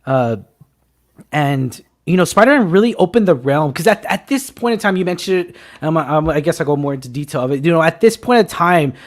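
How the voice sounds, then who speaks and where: Excitable young man hosting a chat. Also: on the high side, fairly quick. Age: 20s. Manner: excitable, loud bursts of laughter and teasing. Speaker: podcast host. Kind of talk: casual film chat.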